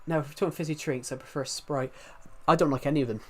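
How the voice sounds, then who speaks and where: His voice is a little high and a bit bright, with fairly even intonation and a quick pace. He's a young man from the UK with a strong regional accent, rambling casually and candidly to his stream audience with lots of restarts.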